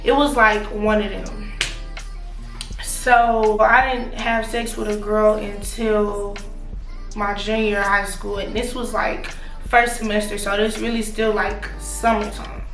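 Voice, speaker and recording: A young woman telling a casual, slangy storytime in a confiding, gossipy, animated way, like chatting to her followers. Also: mid-range voice, measured pace. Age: young adult. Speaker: storytime vlogger. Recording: roomy echo, distant mic, music behind.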